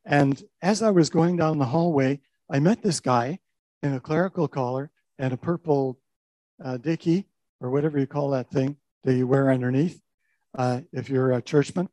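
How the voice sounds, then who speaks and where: An older pastor from Canada recounts his own personal testimony in a warm, mellow, medium-pitched voice at normal speed. He speaks reflectively, restarting in small ways along the way. The sound is close and dry, with no room sound.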